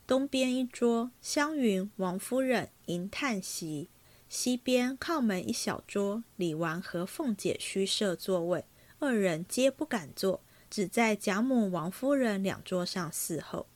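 A woman hosting a podcast, reading a classic novel aloud in a steady storytelling voice. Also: medium pitch, measured pace.

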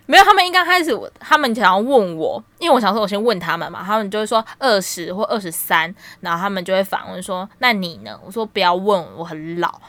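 Animated woman telling stories. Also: medium pitch, quick pace, few pauses, dry recording. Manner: animated storytelling, laughs a lot. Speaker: podcast co-host. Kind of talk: casual chat.

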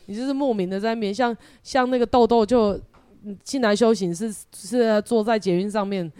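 Host, woman, mellow tone, dry close sound, lively explainer. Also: a little high, a little fast, clean tone, dry recording. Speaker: host and spiritual teacher. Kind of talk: casual podcast conversation.

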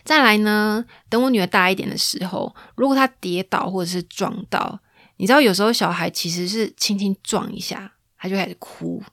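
A woman hosts a casual parenting podcast, talking fairly quickly with a fairly bright tone in a chatty, playful way, and she acts out quoted lines in a higher voice. The recording is studio quality with no room sound.

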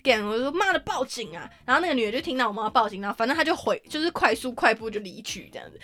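A woman's voice: a little high, lively intonation, very fast, bright, forceful tone. A woman with a Taiwanese Mandarin accent, animatedly telling a story on a casual podcast, swearing often and acting out what people said. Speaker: podcast co-host.

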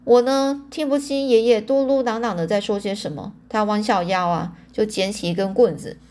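A woman narrating a storybook in the first person, animated, lifting her voice for quoted speech. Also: mid-range voice, normal speed. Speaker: audiobook narrator.

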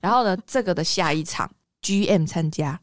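A woman with a Taiwanese Mandarin accent telling a story in casual podcast chat, animated and expressive. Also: fairly low pitch, normal speed, dry recording, clean studio sound. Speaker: podcast co-host.

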